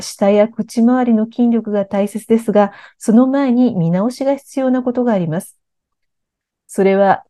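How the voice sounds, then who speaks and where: A woman narrating a scripted lesson on articulation and intonation, explaining clearly and evenly. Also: mid-range voice. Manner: clear, even-paced explanation. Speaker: speech coach.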